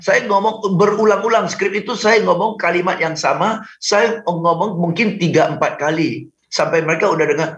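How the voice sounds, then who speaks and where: A man's voice: high-pitched, normal speed, few pauses, fairly bright tone. A man, a sales trainer being interviewed, explains with repeated phrases and drops in English words. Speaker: sales and public speaking trainer, guest. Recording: roomy, distant, slightly dull sound.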